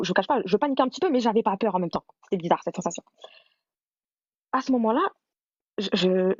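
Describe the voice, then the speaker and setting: A woman's voice: on the low side, a little mellow, no echo, muffled recording. A woman hosting a live stream, telling her own story in a rambling way, full of restarts and repeated words.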